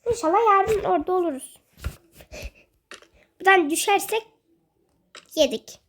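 High-voiced chatty woman gaming. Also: unhurried, a bit bright, a little hiss or hum. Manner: chatty, self-mocking, exclaims at the game. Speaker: gaming video host. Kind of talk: casual let's-play commentary.

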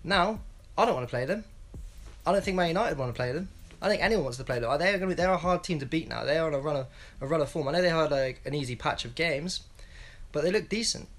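A slightly high, fairly bright voice with lively intonation moves at a quick pace. It belongs to a man in his twenties giving a blunt, rambling football opinion vlog alone in a small room at home on a wired earphone mic.

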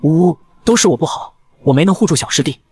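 A man voicing a cowardly, scheming young male disciple who whines and fawns, in a fast manga recap narration. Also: a little high, animated, a little mellow, breathy edge. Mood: wailing. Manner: whiny, fawning.

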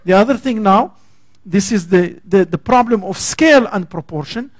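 Impassioned high-voiced male lecturer. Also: lively intonation, moderate pace. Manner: impassioned, searching for words with many restarts. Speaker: guest lecturer. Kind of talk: academic lecture. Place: lecture hall.

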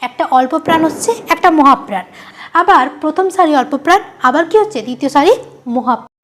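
A woman's voice: high-pitched, lively intonation, fast, fairly bright tone, slight background noise. A woman teacher talks through an online grammar lesson. She is patient and repeats each point, often asking a short question and then answering it herself. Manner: patient, explains by repeating and quizzing the listener.

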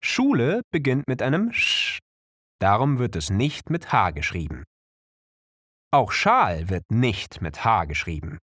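Slow, lively male lesson narrator. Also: no echo, clean studio sound. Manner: slow, clear explanations with lively pitch. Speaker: narrator of an educational video. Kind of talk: scripted narration for children.

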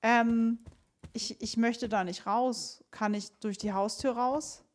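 A woman's voice: a little high, steady tone, slow, a little hiss or hum. Chatty young woman playing a horror game. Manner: chatty, joking, talks to viewers while playing. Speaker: let's play host. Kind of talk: casual gameplay commentary.

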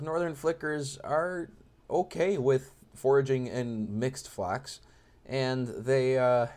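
Over wildlife footage, a young amateur birder offers enthusiastic commentary that is both educational and jokey, in an informal style. He has a mid-range voice with a darkish tone.

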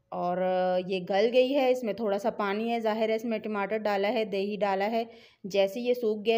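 A woman's voice: on the high side, darkish tone. Chatty Pakistani woman teaching a recipe. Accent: Pakistani Urdu. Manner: chatty, instructive, encouraging viewers to try the recipe. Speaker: cooking channel host. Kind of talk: home cooking tutorial voice-over.

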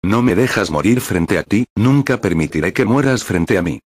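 A man's voice: on the low side, animated, normal speed, husky, no room sound, studio quality. A man voicing a bold, cheerful adult male ninja who makes hearty, earnest declarations in an audiobook reading.

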